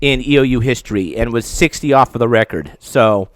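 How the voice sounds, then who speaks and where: A man talking sports casually as a guest, halting and stammering as his mouth burns from spicy food. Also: medium pitch, no room sound. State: mouth burning from spicy food, struggling to talk.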